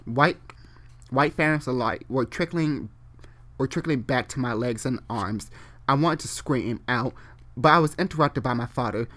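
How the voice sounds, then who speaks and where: A host with a mid-pitched, slightly bright voice does a dramatic story reading at normal speed. He stumbles over the text and keeps drifting into exasperated, swear-filled rants.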